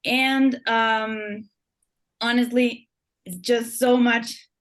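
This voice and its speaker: Her voice is on the high side, with fairly even intonation and drawn-out words. She's a young guest author from Ecuador, chatting through interview answers with lots of fillers and words she starts over.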